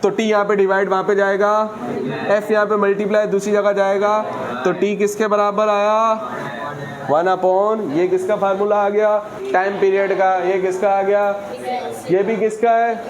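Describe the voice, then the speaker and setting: A man's voice: high-pitched, little pitch movement, moderate pace, crowd noise. A man teaching a physics lesson, who keeps asking his students questions and answering them himself. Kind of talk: classroom lecture.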